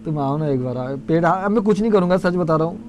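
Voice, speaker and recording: A man's voice: fairly high pitch, lively intonation, fast talker, background noise. A young man at home pleading and teasing his wife while filming a prank for his vlog. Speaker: vlogger playing a prank.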